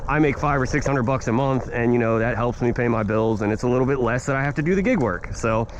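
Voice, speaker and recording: Man vlogging casually over clear outdoor noise. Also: mid-range voice, fast talker. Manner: laid-back, slangy, rambling. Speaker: vlogger and delivery gig worker. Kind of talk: casual vlog chat to viewers. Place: outdoors, riding an electric scooter.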